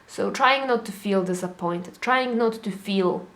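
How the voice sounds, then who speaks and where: A young adult woman giving a casual tarot reading, chatty and animated, acting out little inner voices as she talks. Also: mid-range voice, unhurried. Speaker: tarot reader.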